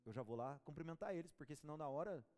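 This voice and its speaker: A male pastor preaches in a fairly high voice. He tells stories and banters with his congregation in a lively way. His voice rings with the long reverb of a church hall. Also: rapid-fire. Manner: storytelling, animated, chatting with the congregation. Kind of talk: sermon.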